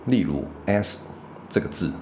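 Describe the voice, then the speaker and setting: A man's voice: low-pitched, moderate pace, darkish tone, a little hiss or hum. A man with a Taiwanese Mandarin accent teaching English pronunciation in a casual spoken lesson, explaining patiently and dropping English fillers like OK and right. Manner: explains patiently, with frequent check-ins.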